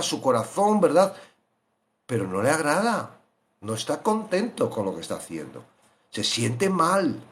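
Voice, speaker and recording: A man teaching a Bible study, animated and acting out the voices of believers as he explains. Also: fairly high pitch.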